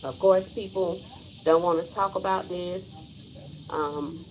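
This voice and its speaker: Blunt, low-voiced woman in her forties. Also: steady tone, slow, background noise. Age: 40s. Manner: blunt and emphatic, speaks her mind. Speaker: livestream host. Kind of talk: casual livestream monologue.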